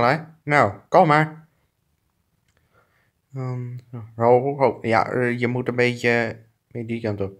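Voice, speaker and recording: A man's voice: medium pitch, lightly acted. A man improvising a comic fan dub of two clumsy adult male neighbors who bicker, trading crude insults and swearing. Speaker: fan dubber.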